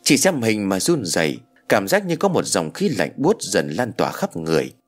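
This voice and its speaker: A male narrator tells an audio story in a lowish, animated voice with plenty of melody. His delivery is expressive, and faint music plays behind him. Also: normal speed. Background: soft background music.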